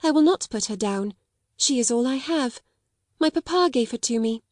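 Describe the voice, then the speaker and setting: A woman reading the part of a proud, steadfast little orphan girl who speaks quietly and steadily. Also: a little high, animated, normal speed, no echo, clean studio sound, voice pushed up, natural voice. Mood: steady. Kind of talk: audiobook character reading.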